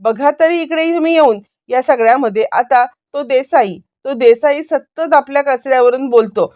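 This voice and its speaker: A woman reads out the lines of a spiteful, scheming man who jeers loudly at his relatives and then feigns innocence. Her voice sits fairly high. The sound is dry and a little dull. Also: moderate pace, no echo, lightly acted. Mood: taunting. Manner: loud, mocking, falsely innocent.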